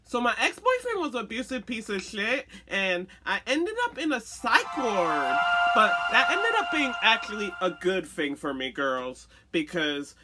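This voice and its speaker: A woman vlogger speaks with a noticeable lisp, like someone talking around a retainer, in a middling pitch. She tells her story candidly and conversationally, blunt and quick to swear. Clear music plays behind her voice. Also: very animated, pushed and bright. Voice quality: lisp, as when wearing a retainer. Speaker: vlogger telling a personal story. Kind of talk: candid casual storytime rant.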